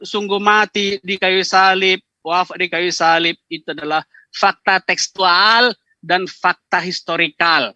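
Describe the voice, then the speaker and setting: A man with a high, very bright voice lectures and pushes back in a heated online debate. He is heard over a video call, and the sound is dry and close. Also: no echo, highs cut off. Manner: lecturing, combative.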